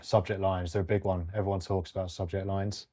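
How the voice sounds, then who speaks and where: Brief: male podcast co-host, deep mellow voice, chatty, keeps checking in with "right?". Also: level tone, a little fast. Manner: chatty, often tags sentences with "right?". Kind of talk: casual podcast chat.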